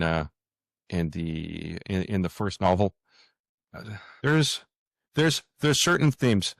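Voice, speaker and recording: In a laid-back interview, an author appearing as a guest responds conversationally in a deep, low voice. Earnest yet halting, he frequently hunts for the right words; the sound is dry, with very little space around it and no room sound at all.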